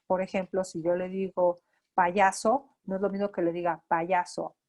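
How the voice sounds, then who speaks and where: Una mujer con acento mexicano, terapeuta auditivo-verbal, da una clase a residentes y explica con ejemplos prácticos. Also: female voice, on the low side, little pitch movement, normal speed, a little mellow. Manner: explanatory, acts out examples of talking to children. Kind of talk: lecture.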